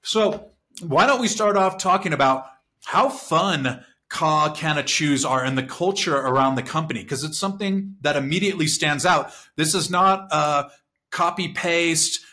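High-voiced man hosting an upbeat podcast. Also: animated, normal speed, bright, forceful tone. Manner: exuberant, slangy greetings sprinkled with foreign phrases. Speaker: podcast host. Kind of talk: upbeat podcast intro and interview.

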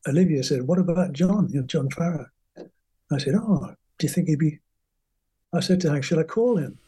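Telling career anecdotes as a guest in an interview, an older English musician rambles and chats, putting on voices when quoting others. His voice sits on the high side, dark and slightly rough.

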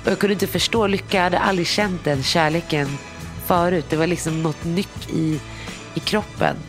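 A woman in her thirties with a lowish, steady voice tells her own story frankly and emotionally, often acting out what the people in it said. Music plays underneath the recording.

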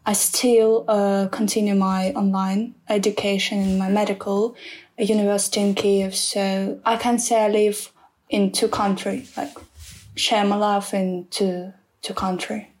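A woman in her twenties from Ukraine with a Ukrainian accent, answering interview questions in careful, halting English that is not her first language. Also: mid-range voice, level tone, darkish tone, poor audio. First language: Ukrainian or Russian. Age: 20s. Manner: careful, halting non-native English with pauses.

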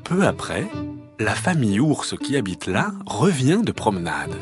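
A man reading a children's story aloud in an expressive, lilting storyteller's voice. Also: lowish voice, a little slow, over music.

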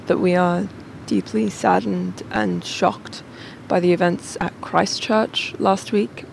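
A woman podcast host making an earnest, gentle announcement, heard on a low-quality phone recording. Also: vocal fry, a little hiss or hum.

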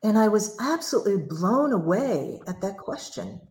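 A woman's voice: mid-range voice, animated, normal speed, a little mellow, roomy sound, poor audio. A woman hosting a livestream conversation, telling stories in an earnest, reflective way. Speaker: livestream host.

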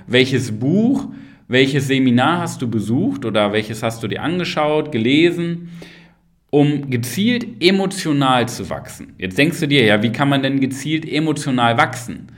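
A man hosting a motivational podcast, talking straight to the listener, firing rhetorical questions and tagging on "ja?" and "ne?". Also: medium pitch. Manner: addresses the listener directly with frequent tag questions. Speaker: podcast host and coach.

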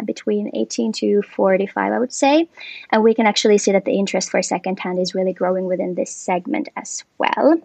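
A woman from Finland, a guest on a podcast, explaining her work with frequent pauses and fillers. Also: medium pitch, gravelly, a little mellow, no echo. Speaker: guest, commercial lead. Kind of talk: podcast interview.

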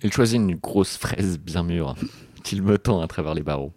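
Man, podcast co-host, playful mock-dramatic reading, deep voice. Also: moderate pace, darkish tone, dry recording, clean studio sound. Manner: joking, laughs often, mock-dramatic reading. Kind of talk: comic book reading with banter.

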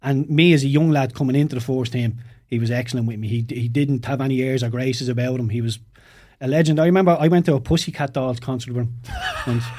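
Fast-talking ex-footballer telling stories. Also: male voice, mid-range voice. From Ireland. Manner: lively anecdotes, laughs while telling. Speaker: podcast guest, former footballer. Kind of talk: casual storytelling chat.

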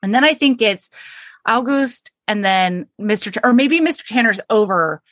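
A woman's voice: fairly high pitch, animated, normal speed, fairly bright tone, no echo. A woman co-hosting a podcast, recapping a romance novel in breezy, casual chat and swearing freely. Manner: breezy, swears, acts out characters' lines. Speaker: podcast co-host.

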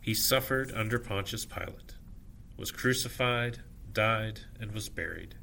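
A man officiating at evening prayer, reciting scripture and liturgy in measured, solemn short phrases. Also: fairly low pitch, gravelly, sharp tone, a little hiss or hum.

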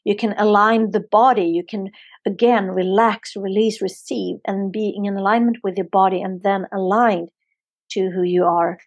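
Speaking with a Swedish accent, this woman from Sweden is a yoga therapist and physiotherapist interviewed on a podcast. Her answers are earnest and flowing, with repetition for emphasis. Her mid-range voice has fairly even intonation and a moderate pace, and the recording has no echo but cuts off the highs.

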